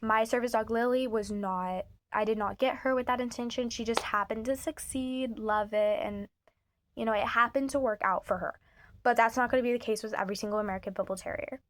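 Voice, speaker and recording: A woman's voice: fairly high pitch, steady tone, brisk. A woman talking casually to the camera in a blunt, chatty way, recorded on her phone's microphone. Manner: blunt and chatty, swears freely. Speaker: service dog handler. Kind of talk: casual vlog talk to camera. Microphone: phone camera mic.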